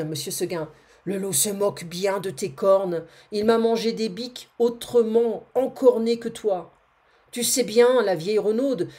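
A woman's voice: mid-range voice, warm tone, lightly acted. A woman voicing an anxious, kindly male farmer who frets over his goats, breaking into alarmed, pleading outbursts.

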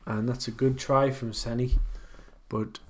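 A man's voice: mid-range voice, little pitch movement, measured pace, slight background noise. Man casually commentating pool. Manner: conversational, thinks aloud about shots. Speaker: commentator for online pool matches.

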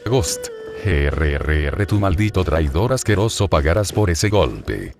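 A man voicing a ruthless, power-hungry old male villain who snarls threats, read over loud background music. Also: low-pitched, expressive, unhurried. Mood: snarling.

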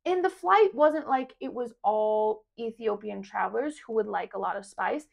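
Blunt young woman with a gravelly edge. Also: fairly high pitch, animated. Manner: blunt, opinionated, quick retorts. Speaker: travel vlogger co-host. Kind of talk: casual review chat. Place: hotel room, indoors. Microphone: lapel mic.

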